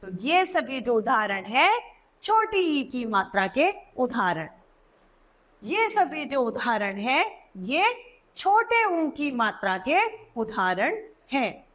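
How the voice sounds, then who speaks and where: A woman teaching a children's Hindi lesson, sounding out words slowly and repeating them. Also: high-pitched, very animated, fairly bright tone.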